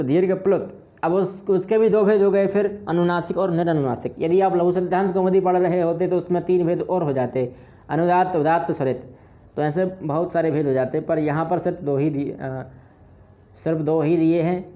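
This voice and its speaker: A man teaching a grammar lesson, explaining step by step in a patient way and drawing out vowel sounds to demonstrate them. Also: a little high. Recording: dull, muffled lo-fi recording.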